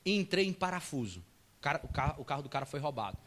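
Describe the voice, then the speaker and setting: A male pastor, telling a story in his sermon in an animated, humorous way and acting out scenes. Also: a little high, quick pace. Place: church.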